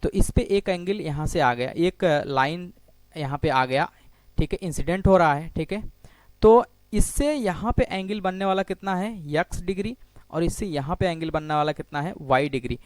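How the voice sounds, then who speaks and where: A man's voice: a little high, moderate pace, no room sound. A man teaching a maths lecture for exam preparation. He asks questions and answers them himself, and he says "ठीक है" again and again. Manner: repeats "ठीक है" often while explaining on a board. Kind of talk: exam-prep geometry lecture.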